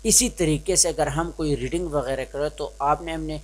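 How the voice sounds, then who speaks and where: A young man from Pakistan giving an informal spoken lesson on reading skills, hesitant and restarting often, slipping into English phrases. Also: a little high. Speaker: teacher explaining reading skills.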